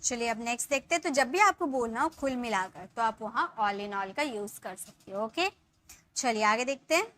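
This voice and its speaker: A young woman teaches spoken English, slowly dictating example sentences and letting sentence ends fade. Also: a little high, expressive, a bit bright.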